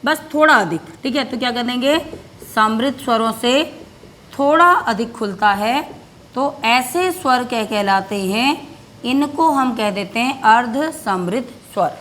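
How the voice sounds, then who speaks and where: A woman teacher giving a grammar lesson, asking and answering her own questions and slowing down to dictate notes. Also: fairly high pitch, a bit bright, a little hiss or hum. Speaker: Hindi teacher. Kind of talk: classroom-style grammar lesson.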